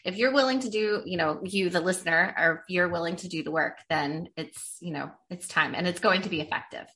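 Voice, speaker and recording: A woman hosts a podcast in a relaxed, chatty way and often turns to speak straight to her listeners. Her voice is bright and forward, sitting a little low in pitch. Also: brisk. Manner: chatty, addresses listeners directly. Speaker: podcast host and fitness coach. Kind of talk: casual podcast conversation.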